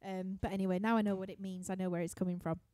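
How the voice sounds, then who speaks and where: A woman's voice: mid-range voice, little pitch movement, very fast, warm tone, no room sound. A young woman with a Yorkshire accent, chatting casually at home as she reads out viewer questions on a live stream, rambling, laughing and using many fillers. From Yorkshire, England. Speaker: musician hosting a live stream Q&A. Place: living room at home.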